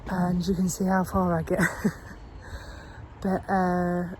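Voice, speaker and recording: Her voice is on the low side and monotone, delivered extremely slowly against background noise. She is a gardening vlogger in her thirties with a cold, casually talking through her jobs outdoors on an allotment, with lots of ums and restarts.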